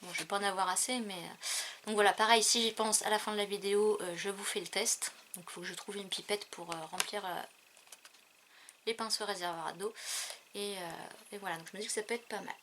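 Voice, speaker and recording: Woman vlogger, middle pitch, halting casual chat, crinkling noise behind. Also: fairly even intonation. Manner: hesitant, many fillers, trailing off. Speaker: craft haul vlogger. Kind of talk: casual chat showing purchases.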